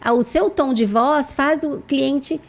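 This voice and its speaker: A woman with a Brazilian Portuguese accent, a guest in a podcast interview, talking animatedly with lively, expressive intonation. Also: high voice, slow pace, creaky. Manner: animated, lively intonation, acts out phone calls in voices. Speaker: guest, insurance broker.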